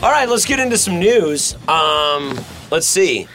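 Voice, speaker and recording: A man's voice: fairly high pitch, very animated, a little slow, over music. A man hosting a podcast in a studio, chatting casually and rambling with lots of fillers and swearing. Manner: rambling and profane, many fillers. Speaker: podcast host. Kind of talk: casual chat.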